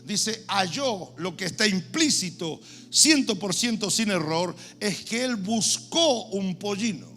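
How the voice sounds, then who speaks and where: High, bright-voiced older pastor preaching. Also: male voice, takes it slowly, soft background music. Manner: animated preaching, asks the congregation questions, acts out crowd shouts. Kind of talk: sermon.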